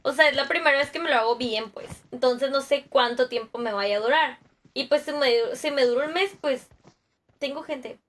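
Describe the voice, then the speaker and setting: A woman's voice: sits high, normal speed, fairly bright tone. A young woman with a Mexican Spanish accent chatting casually with viewers while she plays, slangy and profane, greeting people by name. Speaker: gaming streamer. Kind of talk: casual livestream chat while playing.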